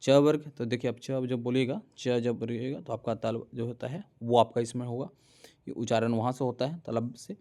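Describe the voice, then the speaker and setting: Mellow-voiced man teaching a grammar lesson. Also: medium pitch, fairly even intonation, moderate pace. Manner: explains step by step, repeating each letter and saying "ठीक है".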